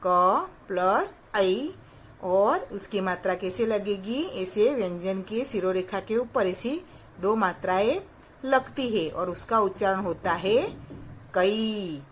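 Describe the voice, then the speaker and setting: Slow, patient woman teaching children. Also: mid-range voice, slight background noise. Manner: sounds out each syllable slowly and clearly, asking the children questions. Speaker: primary school teacher. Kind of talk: slow, patient Hindi phonics lesson for young children.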